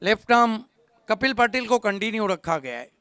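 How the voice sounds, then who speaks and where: High, bright, lively male cricket commentator. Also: moderate pace, clear, resonant tone, no echo, clean studio sound. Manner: witty, jumps to loud calls on big moments. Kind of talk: live tennis-ball cricket commentary.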